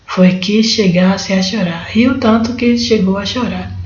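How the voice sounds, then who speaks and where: A woman's voice: medium pitch, measured pace, darkish tone. A Brazilian woman teaching exam-prep Portuguese, working through questions in an informal, thinking-aloud way with frequent restarts. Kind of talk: spoken lesson going through exam questions. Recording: roomy, dull lo-fi recording.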